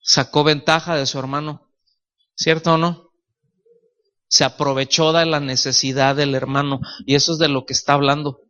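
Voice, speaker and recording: A Mexican man preaching a sermon, his voice on the higher side and bright and forceful. He talks to the congregation like a conversation, keeps checking that they follow, and slips into sarcastic acted-out exchanges. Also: level tone, moderate pace, highs cut off. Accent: Mexican Spanish. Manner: conversational preaching, asks the congregation questions, acts out dialogue; sarcastic at times. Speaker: pastor.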